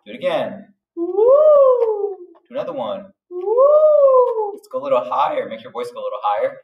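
A man teaching a vocal warm-up to children, giving patient instructions between high sung woo and E sweeps. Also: wildly swooping pitch, racing, creaky, narrow, tinny audio. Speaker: music teacher. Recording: roomy echo, mic a little distant.

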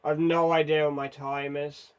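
A man's voice: fairly high pitch, level tone, moderate pace, clear, resonant tone. Frantic man narrating his own gameplay. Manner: frantic, self-mocking, urgent. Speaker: gaming video host. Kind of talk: live gameplay commentary.

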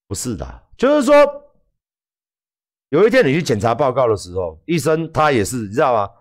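A man in his forties with a Taiwanese accent, ranting loudly and profanely to viewers on a livestream. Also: medium pitch, brisk. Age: 40s. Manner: loud, profane, animated. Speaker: livestream host.

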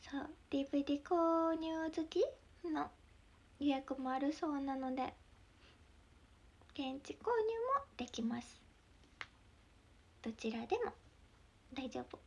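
A young woman with a Mie dialect accent, chatting casually on a livestream, giggling often and sometimes dropping into soft whispers. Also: high voice, steady tone, unhurried, long pauses. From Mie Prefecture, Japan. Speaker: idol livestreamer.

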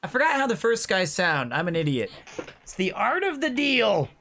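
A man's voice: sits high, big pitch swings, moderate pace, bright, forceful tone. A man streaming a game, making self-mocking casual asides between voiced lines. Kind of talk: casual live-stream commentary.

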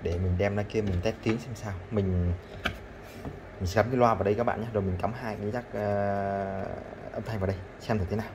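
Lowish-voiced guy, chatting away as he tests scrap gear, loud noise all around. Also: steady tone, brisk. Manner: chatty, addresses viewers constantly, repeats phrases. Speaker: scrap-buying vlogger testing electronics. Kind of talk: casual hands-on demonstration.

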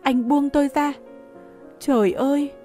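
A woman's voice: high voice, fairly even intonation, measured pace, mellow, faint music behind, pitched above the performer's own voice. A woman voicing a proud, desperate pregnant girl of eighteen in an audiobook, pleading and indignant. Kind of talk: audiobook dialogue reading.

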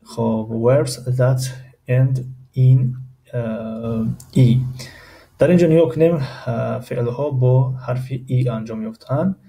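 A man with a Tajik accent explaining English grammar, pausing often with filler sounds and reading English examples slowly before translating them. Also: mid-range voice, dark tone, rough recording. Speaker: English teacher.

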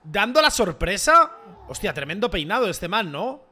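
Man, high voice, bright tone, excitable gaming commentary, repeats himself, sudden shouts. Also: normal speed. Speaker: gaming YouTuber. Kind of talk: gameplay commentary.

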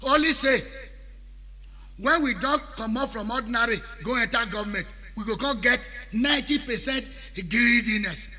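A male highlife musician from Benin City, Nigeria, delivers a spoken-word chant over music in a high, bright voice at normal speed, with a Nigerian Pidgin Edo accent. He preaches and half-sings, packing his lines with proverbs, and the recording carries long reverb alongside the backing music.

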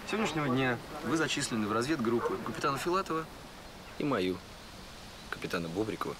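A man's voice: medium pitch, animated, quick pace, noisy background, close to an everyday voice. A young man playing a curt, dry Red Army captain in a war drama. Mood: dry, dismissive.

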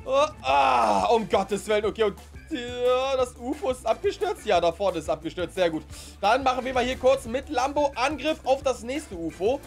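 A young man giving excitable, chatty let's-play commentary as a gaming video host. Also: very high-pitched, normal speed, gravelly, faint music behind. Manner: energetic, exclaiming and chatty. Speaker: gaming YouTuber.

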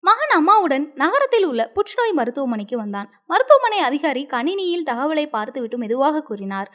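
A woman's voice: high-pitched, sing-song, a little fast, a bit bright. A woman narrating a moral story, speaking expressively and addressing the viewers directly.

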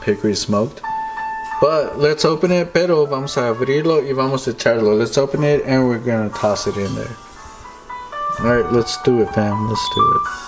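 A home cooking vlogger, a slow-talking bilingual man with a mid-range voice, narrates casually, repeating each phrase in English and then Spanish. He's recorded indoors in his kitchen on a camera mic off screen behind the camera, so the audio is rough, with music in the background.

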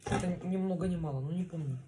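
A mukbang vlogger in her thirties chats casually to the camera in a small room at home, chewing as she talks and pausing for bites in her lowish voice. The clear recording picks up background noise of cutlery and plates clinking.

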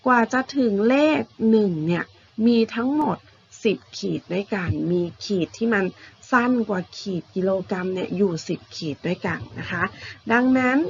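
A woman's voice: mid-range voice, lo-fi sound, a little hiss or hum. A woman teacher giving a patient, repetitive math lesson to young primary school pupils, often ending her phrases with polite particles.

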